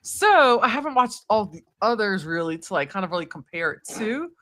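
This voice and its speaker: A woman's voice: medium pitch, very animated, fairly quick, a bit bright, slight background noise. A woman guest in a casual chat, giggly and hesitant with lots of fillers.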